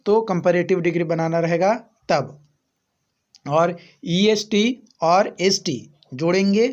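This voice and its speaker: Slow, muffled Indian-accented male teacher. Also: high-pitched. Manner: explains slowly, repeats rules, asks rhetorical questions. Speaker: English teacher. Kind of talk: slow classroom explanation. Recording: muffled lo-fi recording.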